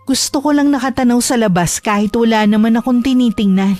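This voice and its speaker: A woman's voice: a little high, brisk, a little mellow, soft background music. Woman narrating a horror story.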